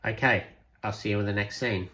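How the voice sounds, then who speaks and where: A man with a lowish, steady voice talks briskly, brightly and forcefully. He walks through a homemade electronics project casually and without a script, hesitantly thinking aloud as he goes.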